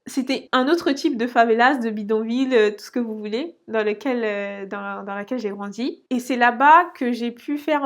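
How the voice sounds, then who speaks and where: A young woman from Portugal telling her personal story to camera, hesitant and full of fillers and restarts. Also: a little high. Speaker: finance vlogger.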